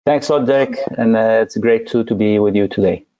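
A man from Egypt, a guest in an interview, speaking thoughtfully with frequent pauses and fillers. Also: on the low side, dull audio. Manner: thoughtful, pausing often with fillers. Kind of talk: interview conversation.

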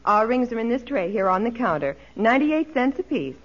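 A polite matter-of-fact store clerk, 1940s radio, muffled old recording. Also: female voice, on the high side, very animated, a little fast. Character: polite, businesslike female shop clerk.

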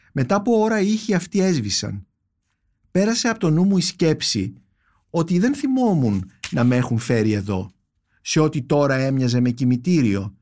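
A man's voice: on the high side, darkish tone. Man reading a poem and recommending books. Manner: measured, reflective reading with filler "ε" pauses. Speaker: podcast host, book critic. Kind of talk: reading a poem aloud, then book recommendations.

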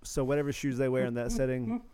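A man co-hosting a podcast, chatting casually with sardonic, dark, profane humor. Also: medium pitch, big pitch swings, fast talker, a little hiss or hum. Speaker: podcast co-host. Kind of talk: casual chat.

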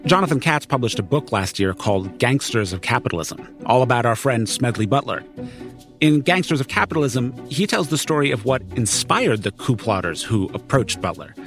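A man's voice: medium pitch, big pitch swings, moderate pace. A man narrating a scripted documentary podcast in a conversational, storytelling style. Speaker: narrator and reporter. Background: music.

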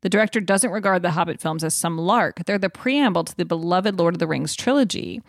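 On a dry, clean studio recording, a woman with a lowish voice co-hosts a podcast. She talks fairly quickly in a casual, conversational chat.

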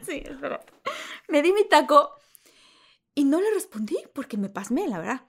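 Mexican woman guest, animated storyteller, higher voice, acts out the scenes. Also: moderate pace. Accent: Mexican Spanish. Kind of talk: storytelling anecdote.

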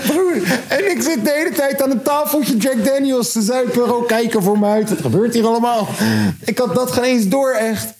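A young man telling a party story to friends in casual chat, animated and slangy, acting out quotes and restarting his sentences. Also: extremely high pitch, normal speed, few pauses, a little hiss or hum.

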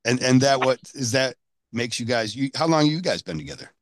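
A man hosting a casual interview, rambling with halting restarts. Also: medium pitch, a little hiss or hum. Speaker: podcast host.

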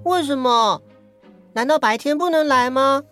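A woman's voice: high voice, a little slow, a bit bright, soft background music, pitched above the performer's own voice. A woman storyteller voicing a small, curious young fawn who asks eager questions. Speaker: narrator voicing characters.

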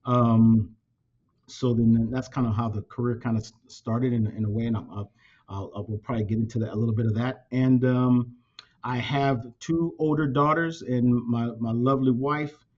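This company president, a man in his fifties raised in California and a native Spanish speaker, answers a casual interview with frequent fillers and restarts. His mid-range voice holds fairly even intonation at a moderate pace. Audio is dull and lo-fi.

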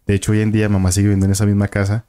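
A man's voice: on the low side, completely flat delivery, very fast, dark tone, smooth. A man, a guest telling a vivid story and acting out the voices and sounds in it. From Colombia. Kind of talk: casual storytelling of a paranormal experience.

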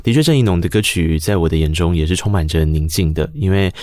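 A man's voice: low-pitched, quick pace, darkish tone, no echo. A man with a Taiwanese Mandarin accent, hosting a reflective conversational interview in an earnest, confiding way. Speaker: interviewer, podcast host.

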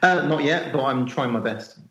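A man guesting on a podcast over a remote link, making quick dry jokes from his dining room with a strong room echo. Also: mid-range voice. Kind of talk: casual remote chat. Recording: echoey, muffled remote audio with faint noise.

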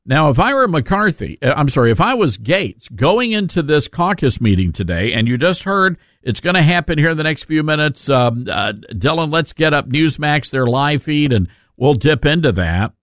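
A man's voice: on the high side, sing-song, moderate pace, fairly bright tone, no room sound, clean studio sound. A male talk radio host giving folksy, conversational live commentary. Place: dry radio studio.

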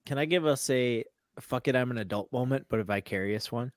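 A man's voice: medium pitch, fairly quick, dry recording. A podcast co-host, a man with an ordinary mid-range voice. He tells his anecdotes dryly and with amusement. The recording is close and dry. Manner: wry, amused storytelling. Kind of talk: casual chat.

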